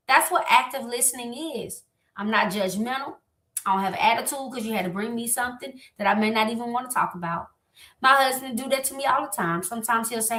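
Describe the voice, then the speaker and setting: Bright, lively woman in a roomy space. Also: a little high. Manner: lively, animated, talks straight to listeners. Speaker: host. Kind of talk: motivational talk on relationships. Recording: echoey room.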